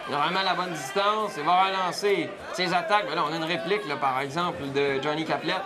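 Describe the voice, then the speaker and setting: Male boxing host, Quebec French accent, high pitch, live commentary, crowd clearly behind. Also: fast. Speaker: sports host and play-by-play commentator.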